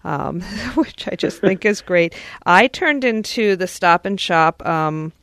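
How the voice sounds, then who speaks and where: A woman's voice: on the low side, lively intonation, slow pace, fairly bright tone, dry recording, clean studio sound. A woman with a New York accent hosting a talk radio show, chatty, laughing often and interrupting herself. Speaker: radio host.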